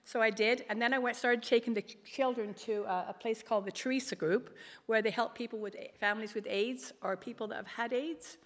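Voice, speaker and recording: A middle-aged woman with a big, emphatic voice gives an earnest, rambling personal testimony at a church gathering, speaking as a lay ministry leader. Her voice is a little high with a steady tone and a brisk pace, and the large hall she addresses her audience in is reverberant.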